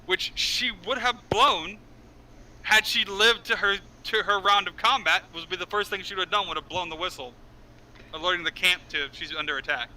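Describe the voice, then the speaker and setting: Male game master, high and very bright voice, casual and profane. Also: moderate pace, a little hiss or hum, low-quality recording. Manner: casual, swears freely. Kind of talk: narrating a tabletop game.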